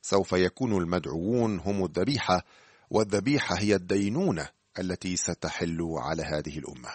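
A man giving scripted radio Bible teaching, speaking to the listener in a measured, earnest way. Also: low-pitched, slightly rough, dry recording.

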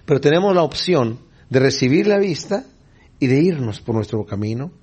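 Man, sermon, husky voice, lively swinging pitch, acts out voices in the story. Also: moderate pace. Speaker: preacher. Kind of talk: Bible study sermon.

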